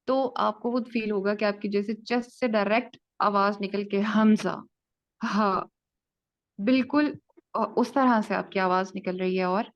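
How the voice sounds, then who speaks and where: A woman teaching a basic tajweed lesson in Urdu, explaining step by step and slowly modelling each sound. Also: mid-range voice. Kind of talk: online lesson. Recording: dull lo-fi audio.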